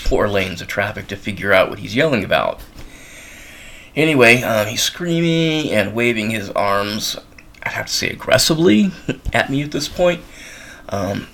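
A podcast host in a US college town tells a long, rambling story on his own show, full of ums and uhs. His voice is lowish and a bit bright, with vocal fry, and the talk is casual storytelling.

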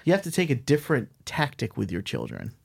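A man hosts a comedy podcast with very lively, swinging intonation at a middling pitch. He banters and reads posts out loud, swearing freely and keeping everything crude and irreverent. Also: brisk, creaky, husky. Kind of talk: comic banter and reading social posts aloud.

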